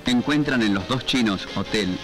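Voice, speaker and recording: Argentine man narrating an old newsreel. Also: lowish voice. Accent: Argentine Spanish. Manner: measured, declamatory. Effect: old newsreel soundtrack. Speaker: newsreel announcer. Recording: old newsreel sound with music.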